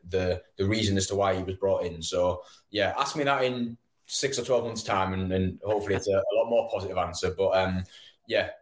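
A man with a Teesside accent chatting casually about football as a guest, hesitant and often repeating his words. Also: low-pitched. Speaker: podcast guest, football fan. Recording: roomy, echoing sound.

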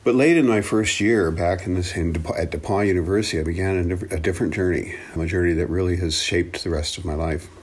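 A Congolese man in his seventies, born in the Belgian Congo and a native speaker of English and Swahili, is an African studies professor appearing as an interview guest. He reflects on his life through personal stories in an earnest, thoughtful way, his low, husky voice moving fast with few pauses.

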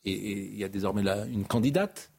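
A man's voice: lowish voice, brisk, creaky, mellow, breathy edge. A man hosting a TV debate show, speaking emphatically and with indignation, firing off rhetorical questions. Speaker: host.

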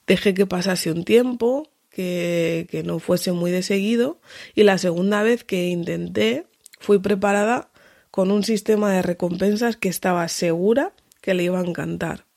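Animated Spanish storytelling woman. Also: moderate pace, vocal fry. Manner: animated storyteller who acts out dialogue in a high voice. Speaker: podcast host and mother. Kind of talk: personal storytelling podcast monologue.

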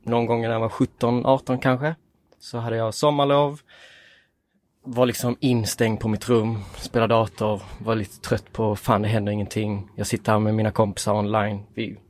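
A man in his late twenties, a podcast guest, telling a story in a lively, casual way and acting out quoted dialogue. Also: on the low side.

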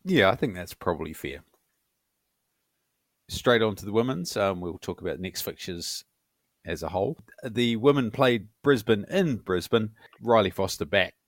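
A very low-pitched man co-hosting a casual football podcast. He talks in a relaxed, meandering way, filling pauses with ums. His voice sounds dry and close to the mic. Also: no room sound. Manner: relaxed, meandering, with fillers and laughs. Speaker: podcast co-host. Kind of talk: casual sports podcast chat.

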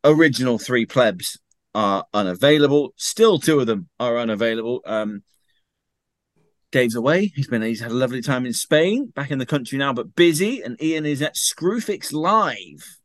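A man's voice: mid-range voice, normal speed, dry recording, clean studio sound. A man hosting a casual football podcast, upbeat and jokey as he steers the chat, just back from being ill. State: just recovered from illness. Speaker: podcast host.

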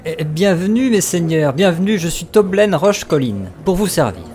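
A man's voice: sits high, lively intonation, moderate pace, a little mellow, voice pushed up. A man voicing a round, jolly male innkeeper who greets his guests eagerly. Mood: jovial. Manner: eager, bubbly.

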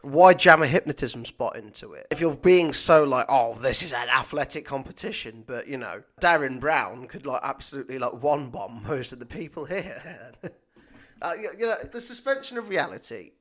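A man's voice: fairly high pitch, animated, moderate pace, fairly bright tone. A man co-hosting a wrestling podcast, wry and dry, often giving short agreements. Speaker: podcast co-host. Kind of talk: casual wrestling discussion.

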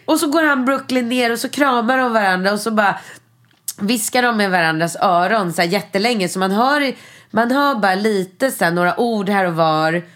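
A woman chatting casually, telling stories in an animated, gushing way with many fillers and acted-out quotes. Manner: acts out quoted voices in high English. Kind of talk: casual chat.

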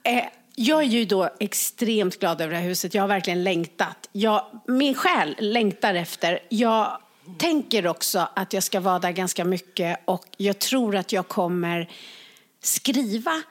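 A woman co-hosting a casual podcast chat, laughing often and turning earnest when she gets serious. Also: medium pitch. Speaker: podcast co-host.

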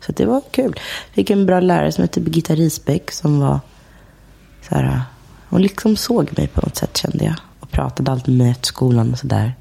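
A woman telling stories of her childhood in a relaxed interview, chatty, laughing often and full of fillers. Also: low voice, vocal fry, breathy edge. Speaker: guest. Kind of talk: casual interview chat.

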